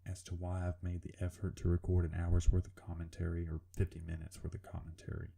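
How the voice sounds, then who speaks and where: A man with a rumbly, serial-killer-like voice, giving informal, hesitant, self-deprecating commentary over a drawing video, with casual swearing. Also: monotone, fast, gravelly, warm tone, breathy edge. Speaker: artist narrating a drawing video.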